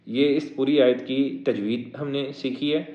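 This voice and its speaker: A man teaching a Quran recitation lesson, moving between slow melodic chanting of verses and brisk spoken explanation of pronunciation rules. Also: medium pitch, steady tone. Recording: echoey, dull lo-fi audio.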